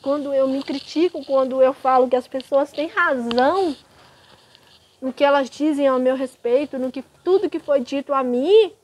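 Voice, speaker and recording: A young woman tells her personal testimony in a vlog, hesitant, pausing and restarting her sentences. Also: high voice, slight background noise. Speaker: vlogger sharing testimony.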